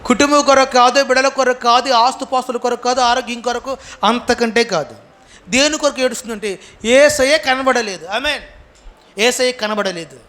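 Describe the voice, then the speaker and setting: A man's voice: very high-pitched, normal speed. A man pastor with a Telugu accent, preaching a sermon and calling on the congregation to answer him. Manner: call-and-response preaching, asks the congregation to answer; acts out quoted lines with a rising, shouted voice.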